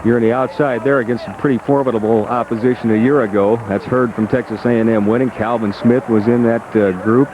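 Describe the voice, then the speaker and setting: A man's voice: medium pitch, fairly even intonation, brisk, hardly any pauses. A man giving a live television sports report as anchor from an outdoor stadium. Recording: dull, faintly noisy outdoor broadcast.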